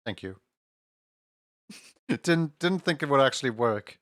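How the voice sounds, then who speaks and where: A man's voice: medium pitch, lively intonation, slow, fairly bright tone, dry recording, studio quality. A man hosting a livestream, talking casually to his viewers. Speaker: livestream host.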